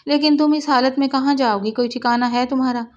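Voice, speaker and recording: A woman's voice: high voice, steady tone, darkish tone, lightly acted. Storybook: woman voicing a repentant young husband, pleading, on dull lo-fi audio. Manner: pleading, apologetic. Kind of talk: storybook reading of a novel.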